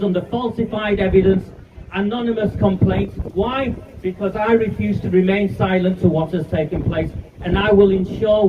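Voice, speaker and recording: A man in his fifties giving an angry, defiant speech at an outdoor street protest, filmed from a distance. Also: high voice. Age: 50s. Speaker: rally speaker. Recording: distant, muffled live-stream audio with loud noise.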